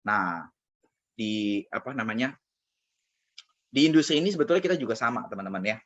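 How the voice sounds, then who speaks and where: Husky casual motivational speaker man. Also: fairly low pitch, lively intonation, a little fast, a bit bright. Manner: casual, conversational, frequent fillers. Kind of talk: motivational talk with personal story. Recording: dull lo-fi recording.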